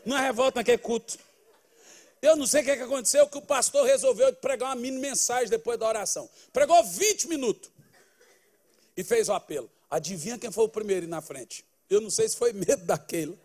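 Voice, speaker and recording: Very high-voiced pastor. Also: male voice, fairly quick. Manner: animated storyteller, bursts of loud exclamation. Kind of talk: humorous preaching testimony.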